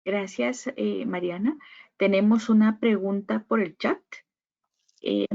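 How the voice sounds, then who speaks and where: A woman's voice: medium pitch, slow, vocal fry, muffled recording. A woman moderating an online workshop, reading out questions and handing over the microphone. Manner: brief and courteous.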